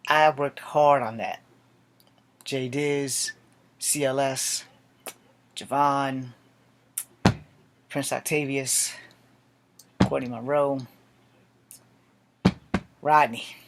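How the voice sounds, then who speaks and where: A man's voice: medium pitch, fairly even intonation, very slow, pauses often, noisy background. A man in his late forties, an army veteran, speaking a blunt, profane and defiant personal monologue to camera. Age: 40s.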